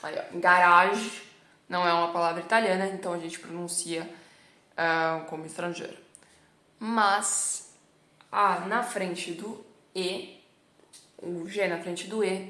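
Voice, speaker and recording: Slow-talking Brazilian woman teaching. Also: fairly low pitch, steady tone, fairly bright tone, roomy sound. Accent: Brazilian Portuguese. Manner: explains sounds slowly, repeating them many times. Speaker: Italian teacher. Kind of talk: online language lesson. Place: lives in Italy.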